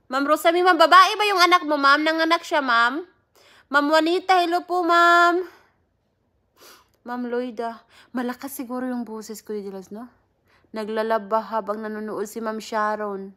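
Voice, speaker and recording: A woman's voice: high-pitched, pushed and bright. A Filipina woman, chatting casually on a livestream, greeting viewers by name and laughing often. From Philippines. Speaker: livestream host.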